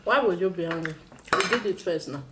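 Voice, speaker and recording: A woman's voice: on the low side, brisk, very noisy. A woman with a Nigerian accent in casual, playful banter with her spouse, talking while she eats. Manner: giggly, playful; talks while eating. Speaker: mukbang vlogger playing a prank on husband.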